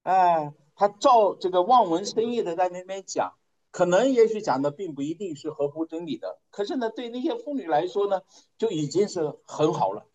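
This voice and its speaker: Folksy, slightly high-voiced male preacher. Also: expressive, normal speed, darkish tone, poor audio. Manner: repeats phrases for emphasis, folksy and conversational. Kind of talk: storytelling sermon.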